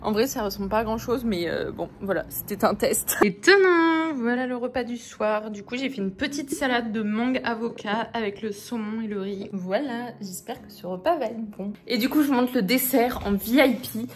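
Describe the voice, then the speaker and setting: A woman's voice: on the high side, moderate pace, few pauses, roomy sound. A young woman vlogging casually and enthusiastically in her home kitchen, chatting freely with lots of fillers. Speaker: fitness and food vlogger. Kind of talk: casual vlog chat.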